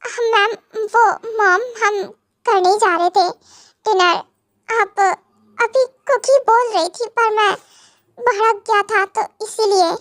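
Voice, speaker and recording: Short-fused young husband, voiced by a woman, fan audio drama, very high voice. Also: slow, fairly bright tone, no echo, studio quality, full character voice. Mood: worried. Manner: scolding, stubborn. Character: hot-tempered young husband.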